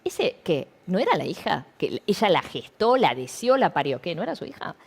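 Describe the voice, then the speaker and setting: Animated Rioplatense woman, lively pitch. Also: normal speed, gravelly, breathy edge. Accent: Rioplatense Spanish. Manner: animated, storytelling with questions. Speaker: guest. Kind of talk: studio interview conversation. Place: TV studio.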